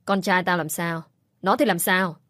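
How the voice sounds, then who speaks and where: A woman's voice: on the low side, steady tone, normal speed, fairly bright tone, no room sound, close to an everyday voice. A woman voicing a bitter, nagging middle-aged mother-in-law who scolds and accuses, in a dry recording with faint music behind. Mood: scolding.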